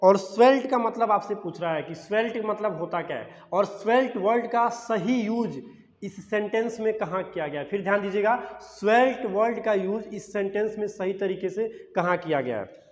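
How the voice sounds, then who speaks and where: High-voiced male teacher, echoey lo-fi room. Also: expressive, moderate pace. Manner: repeats key words as questions to the class. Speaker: English teacher for exam prep. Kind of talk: explanatory classroom-style lesson.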